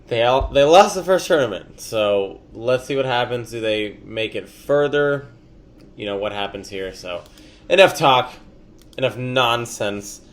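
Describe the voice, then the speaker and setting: A man's voice: mid-range voice, lively intonation, a little slow. A man with a stuffy nose hosting an anime reaction vlog, chatting casually and upbeat, laughing often. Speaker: anime reaction channel host.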